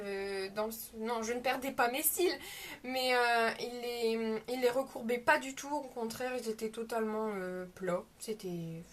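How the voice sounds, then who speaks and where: A woman talking through makeup products in a casual review vlog, chatty and frank, with many hesitations and self-corrections. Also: on the high side. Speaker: beauty vlogger.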